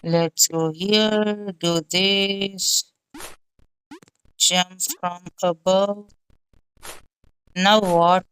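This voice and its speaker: Slow, muttering young woman gamer. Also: mid-range voice, fairly even intonation, fairly bright tone, smooth, poor audio. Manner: thinks aloud, muttering and exasperated. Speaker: gaming channel host. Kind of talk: casual gameplay commentary.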